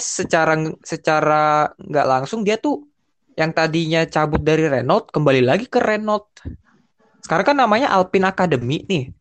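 A young man chatting casually as a podcast co-host, in informal slang with many restarts and bits of English. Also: on the high side. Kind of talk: casual chat.

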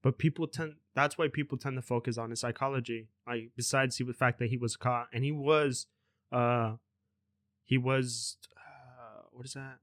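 A young man chats his way through a podcast segment in a loose, rambling manner. His voice sits at an ordinary middle pitch. The sound is dry and close, with no room around it. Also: fairly even intonation, normal speed, fairly bright tone, no echo. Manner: rambling, loose, swears casually. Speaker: podcast host. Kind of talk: casual podcast chat.

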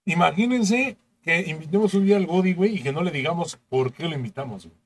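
Mexican male podcast co-host, crude laughing banter, voice a touch high. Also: quick pace. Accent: Mexican Spanish. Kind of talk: casual comedy chat.

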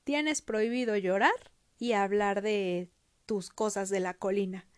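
A woman voicing a strict, scolding governess, with a sharp, scolding manner. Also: mid-range voice, unhurried, clear, resonant tone, dry recording, studio quality, lightly acted.

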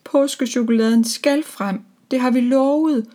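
A woman's voice: mid-range voice, mellow, close to an everyday voice. A woman voicing a dutiful, earnest male Easter hare in a children's storybook reading. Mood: urgent.

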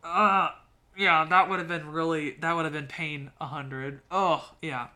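Her voice is deep, steady and a little slow, though sharp in tone. As a podcast co-host she keeps things casual, wandering through her points with many fillers and restarts.

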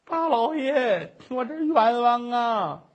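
A man's voice: very high-pitched, animated, slow, dull audio, pitched above the performer's own voice, exaggerated voice. A man wailing as a terrified older woman. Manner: wailing, pleading. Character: frightened older woman pleading innocence.

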